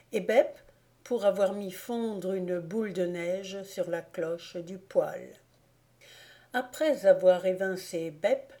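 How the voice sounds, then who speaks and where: A woman reading an audiobook aloud in measured, even storytelling narration. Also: medium pitch. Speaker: audiobook reader.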